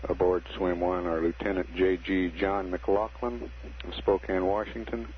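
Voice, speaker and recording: Low, flat-voiced man on muffled mission radio. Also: a little slow. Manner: deadpan, formal announcing. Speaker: mission control public affairs commentator. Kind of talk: measured live mission commentary. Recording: muffled 1960s space mission radio, noisy.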